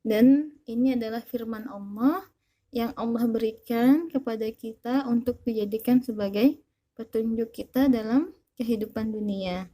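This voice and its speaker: A woman's voice: on the high side, warm tone. A woman with an Indonesian accent teaching Quran reading, over-enunciating as she carefully demonstrates pronunciation. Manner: over-enunciating, deliberately stretched and stressed syllables. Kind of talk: slow instructional lesson with recitation demonstrations.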